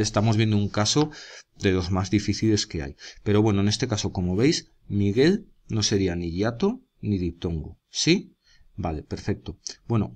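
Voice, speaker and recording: A man's voice: on the low side, a little mellow. A man with a Spanish accent from Spain, teaching a grammar lesson step by step and stopping often to check that his students follow. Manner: explains step by step, checks in with students, writes while talking.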